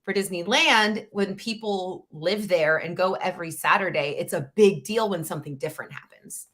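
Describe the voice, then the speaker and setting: A woman's voice: lowish voice, moderate pace, a bit bright. Chatty young woman co-host. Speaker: podcast co-host. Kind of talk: casual chat.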